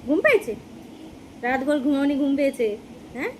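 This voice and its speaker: A woman's voice: high-pitched, very animated, a little fast. A young mother, coaxing her baby son to eat in sing-song baby talk at home. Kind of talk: casual home vlog, talking to a baby. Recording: noisy home ambience.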